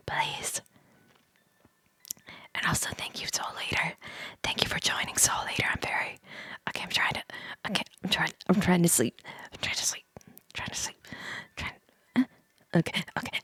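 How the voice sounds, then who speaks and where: This livestream host, a VTuber, has a voice on the low side and talks softly for ASMR, often whispering breathily. Her speech is halting with repeated phrases, recorded close on a studio microphone with audible mouth sounds and no room sound.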